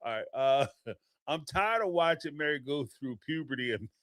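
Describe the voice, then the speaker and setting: A man hosting a casual call-in livestream, reading viewer chats aloud and reacting in an emphatic, animated way, cussing freely. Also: fairly high pitch, moderate pace, no room sound.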